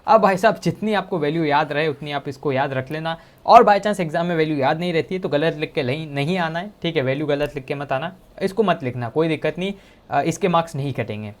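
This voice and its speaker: Briskly, a male teacher with a slightly high voice explains exam answers step by step in an exam-prep lesson. He chats casually and directly with students, often calling them "bhai sahab", and uses many English technical terms.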